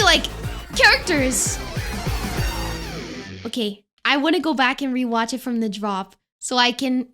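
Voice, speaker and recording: A woman VTuber giving excited, casual reaction commentary, exclamatory and easily amazed. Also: high voice. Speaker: VTuber reacting to anime openings. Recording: music playing behind the voice. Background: anime theme songs.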